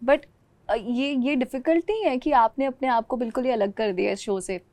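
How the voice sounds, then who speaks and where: A woman's voice: on the high side, normal speed, a little mellow, no room sound. A woman hosting an interview, asking questions casually and murmuring along attentively as she listens. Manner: attentive, frequent listening murmurs, light laughs. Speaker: interviewer host.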